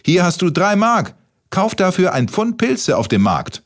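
A man's voice: very animated, measured pace. A man voicing a kindly, fussing grandmother calling her grandson in a children's story. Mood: fussing, caring. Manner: high, warbling, caring.

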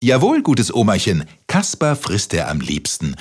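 A man's voice: fairly low pitch, wildly swooping pitch, unhurried, slightly rough, heavily acted. A man voicing a cheeky, scheming little boy puppet in a children's story. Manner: cheeky, sing-song.

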